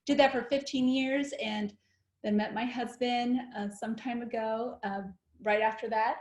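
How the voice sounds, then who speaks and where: A woman's voice: a little high, steady tone, unhurried, a little mellow. A woman who works as a social worker, introducing herself on a webinar over a video call in a friendly, conversational way. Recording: echoey room on a video call.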